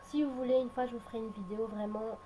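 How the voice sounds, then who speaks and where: A woman talks through a casual at-home makeup tutorial. Her voice sits a little high with a soft, mellow tone. She hesitates often, trailing off and restarting her sentences. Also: fairly even intonation, fast, a little hiss or hum. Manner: hesitant, many filler sounds and restarts. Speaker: beauty vlogger.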